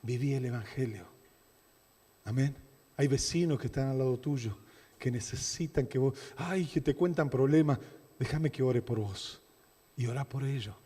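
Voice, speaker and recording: A man preaching a sermon as a pastor, with a Rioplatense Spanish accent, swinging from shouted declarations to soft asides. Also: medium pitch, normal speed, slightly rough. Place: church hall. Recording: long reverb of a church hall.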